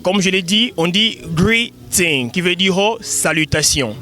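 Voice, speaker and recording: A man with a high voice leads a classroom-style language lesson. He drills each word slowly and has learners repeat after him. Faint music plays underneath. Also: lively intonation, pushed and bright. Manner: slow, drilled repetition of words for learners. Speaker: English teacher hosting a web lesson.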